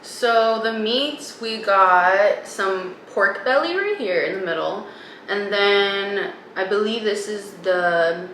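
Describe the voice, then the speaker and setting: A young woman chatting casually at home beside her sister, relaxed and sometimes searching for the right word. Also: mid-range voice, slow pace. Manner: relaxed, a little unsure, searching for words. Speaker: host's sister, co-host. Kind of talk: casual chat. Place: home kitchen. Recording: echoey room with background hiss.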